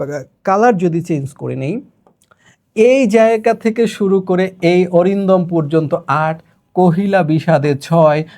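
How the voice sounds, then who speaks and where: A man with a high, mellow voice teaches a poetry lesson. He explains each point step by step, often stops to check that his students follow, and slows down to recite lines of verse. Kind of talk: classroom lecture on poetry.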